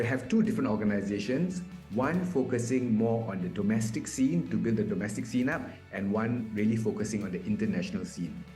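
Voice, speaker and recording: A Malaysian man in his fifties, a mediator appearing as an interview guest, answers questions in a conversational way, explaining with asides and correcting himself. His voice is fairly low and dark, and the video call picks up the echo of a small indoor room.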